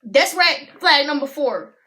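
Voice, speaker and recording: Teen girl chatting a storytime to her viewers, high bright voice. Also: a little slow. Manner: chatty, animated, addresses viewers as y'all. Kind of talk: casual storytime vlog.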